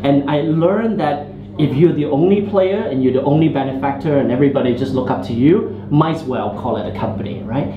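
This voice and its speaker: Speaking a little fast at a fairly high pitch, this Hong Kong startup founder chats casually as an interview guest inside a local venue. He rambles with fillers and frequent restarts, captured in a roomy, muffled recording with noisy ambience.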